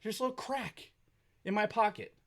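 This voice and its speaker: A man's voice: sits high, moderate pace, fairly bright tone. A man co-hosting a casual podcast, ranting angrily and swearing heavily. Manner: heated, profane ranting. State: angry. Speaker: podcast co-host.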